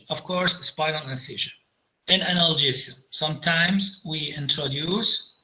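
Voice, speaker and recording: A man with an Iraqi accent giving a medical lecture over slides, halting with frequent fillers and slipping into Arabic. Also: on the high side, sharp tone, poor audio.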